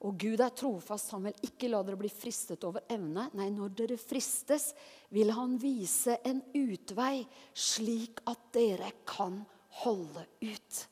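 A woman preaching a sermon, lively and emphatic, dropping at times to a soft, low voice. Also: husky. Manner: lively, shifts between loud emphatic and soft low passages. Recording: long hall reverb.

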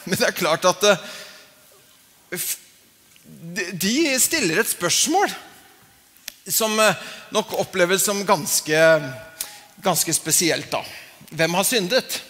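High-voiced man preaching in a hall. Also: lively intonation, long pauses, sharp tone. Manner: conversational, chuckling, many fillers. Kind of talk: sermon. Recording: long hall reverb.

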